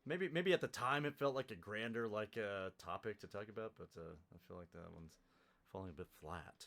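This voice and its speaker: A man's voice: fairly low pitch, brisk, creaky, fairly bright tone. A man watching a game and chatting with dry, teasing banter and frequent laughs. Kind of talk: casual let's-play chat.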